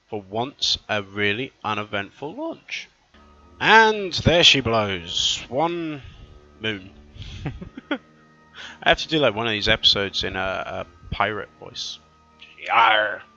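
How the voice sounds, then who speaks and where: A man's voice: lowish voice, bright, forceful tone. A man giving casual let's-play commentary, thinking aloud as he plays and often correcting himself mid-sentence. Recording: dull lo-fi recording.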